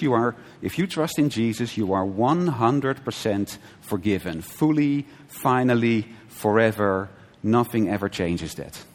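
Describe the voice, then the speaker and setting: A man teaching a conversational sermon, often checking with his listeners with a quick "right?" and restarting his sentences. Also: mid-range voice, a little mellow. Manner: conversational, frequent "right?" checks and brief laughs, self-correcting restarts. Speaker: preacher. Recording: long hall reverb.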